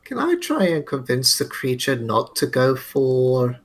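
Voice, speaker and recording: A man's voice: mid-range voice, sing-song, measured pace. A man playing a tabletop game, hesitant with many fillers and playful swearing. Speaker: player. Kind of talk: casual tabletop game play.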